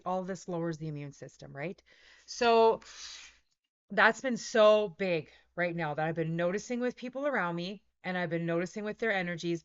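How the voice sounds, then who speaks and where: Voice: medium pitch, fairly bright tone, clean tone, dull audio. A wellness channel host in a casual, rambling monologue to camera, often checking in with "right?" and acting out the voices in their own head. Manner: rambling, self-correcting, keeps asking "right?"; voices own inner thoughts in quotes.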